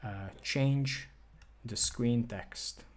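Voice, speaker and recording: A man's voice: medium pitch, drawn-out words. A man with a Hungarian accent, a native Hungarian speaker, thinking aloud and apologizing as he demonstrates a controller during a live stream. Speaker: product demonstrator. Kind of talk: live-stream product demo.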